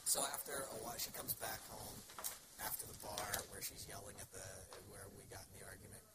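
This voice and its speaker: Male storyteller, casual and crude, self-deprecating, rambling delivery over loud background noise. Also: on the low side, a little fast.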